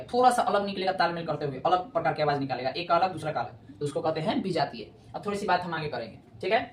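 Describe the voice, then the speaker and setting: A woman teaching grammar, repeating points and checking often whether students follow. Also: fairly low pitch. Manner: repetitive, checks understanding often. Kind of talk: explanatory classroom lesson. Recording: echoey room with faint noise.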